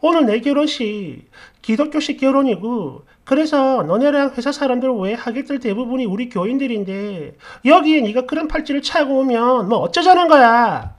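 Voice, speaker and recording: A woman's voice: high voice, very animated, normal speed, pitched above the performer's own voice. A woman narrating a story and voicing an offended young bride who speaks sharply and accusingly, with a raised voice. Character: indignant devout young woman, quick to take offense.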